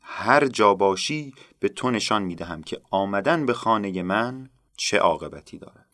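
A huge, boastful demon from a told folktale, voiced by a man. He booms out threats in a deep, low voice. The sound is dry and close. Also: expressive, fairly bright tone, no room sound. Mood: menacing. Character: huge boastful male demon guarding his lair.

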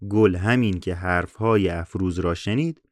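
Brief: male storyteller, lowish voice, switches from a formal reading to a jokey chat, dry close mic. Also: dry recording. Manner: switches between a bookish reading and slangy joking comments. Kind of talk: folk tale reading with casual asides.

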